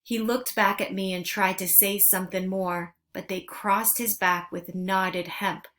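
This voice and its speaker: Woman narrator for a storybook read-aloud, steady and earnest in her delivery. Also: medium pitch, measured pace.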